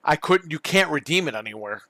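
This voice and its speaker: A man's voice: fairly high pitch, animated, brisk, bright, forceful tone, no echo. A man co-hosting a casual gaming livestream, blunt and profane, reading viewer messages aloud. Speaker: podcast co-host.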